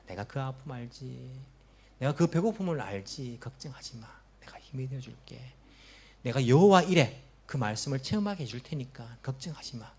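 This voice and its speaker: A man voicing a gentle consoling savior figure, soft and partly whispered, slow and reassuring. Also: medium pitch, animated, breathy edge. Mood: tender reassurance.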